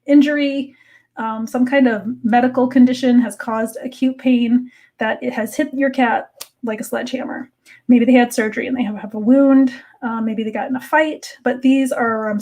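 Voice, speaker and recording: A woman's voice: on the high side, a little mellow. A woman giving an educational slide talk in a conversational, explanatory manner, as an expert presenter.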